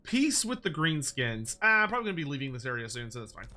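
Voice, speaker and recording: A man's voice: fairly high pitch, sing-song, quick pace, pushed and bright, slight background noise. A man giving casual, playful game commentary with wry asides, as a streamer talking to viewers. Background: music behind the voice.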